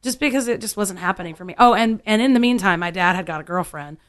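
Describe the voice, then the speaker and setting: A 38-year-old woman from California, a bartender, chats casually as an interview guest. Her voice is mid-range and a bit bright, and she talks fast. Her phrasing is loose and chatty, packed with fillers like "like" and "um".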